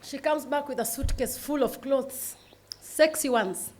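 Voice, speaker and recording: Tearful woman speaking slowly and haltingly. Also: sits high, darkish tone. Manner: slow, halting, apologetic. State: emotional, holding back tears. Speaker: foundation founder. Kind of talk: speech at her foundation's event.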